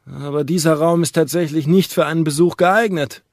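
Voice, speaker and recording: A man's voice: a little high, steady tone, brisk, darkish tone, no echo, studio quality, pitched above the performer's own voice, close to an everyday voice. A man voicing a sick, despairing middle-aged doctor who pleads in a raised, strained voice. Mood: anxious pleading.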